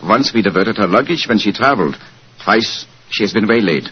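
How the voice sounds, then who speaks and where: Man playing a low-voiced, haughty, anxious king. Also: animated, slight background noise, natural voice. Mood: grave, anxious. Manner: formal, halting, weighty delivery. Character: haughty, anxious Bohemian king posing as a masked count. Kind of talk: 1940s radio acting. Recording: muffled, worn 1940s radio recording.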